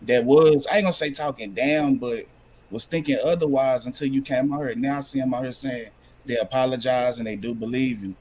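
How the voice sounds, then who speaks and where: A man's voice: medium pitch, steady tone, brisk, a little mellow. Chill guy calling in, supportive, kinda easygoing. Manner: friendly, laid-back, supportive. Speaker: caller. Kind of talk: call-in comment.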